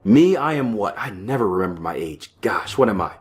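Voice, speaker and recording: A man's voice: fairly low pitch, very animated, fairly quick. A man in his early thirties hosting a podcast, talking casually with frequent "right?" tags and restarts. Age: 30s. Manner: conversational, keeps tagging lines with "right?"; stumbling restarts and fillers, offhand asides. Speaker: podcast host. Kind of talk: casual solo talk on trading psychology.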